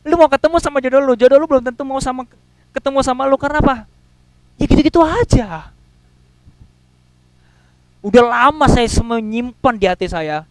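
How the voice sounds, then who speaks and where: High-voiced man preaching. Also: quick pace, clear, resonant tone, no room sound, poor audio. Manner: casual slangy preaching with acted-out quotes and sudden loud and soft swings. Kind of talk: sermon.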